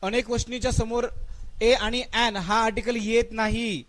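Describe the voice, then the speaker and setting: A man with a Marathi accent teaching English grammar in a live online class, quizzing students and urging quick answers while drawling out the example sentences. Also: extremely high pitch, fairly even intonation, a bit bright.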